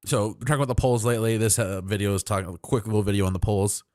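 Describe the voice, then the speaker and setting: A man's voice: lowish voice, racing, darkish tone, no room sound, studio quality. A man hosting a livestream, chatting casually about politics in a rambling way, full of fillers and restarts. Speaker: livestream host.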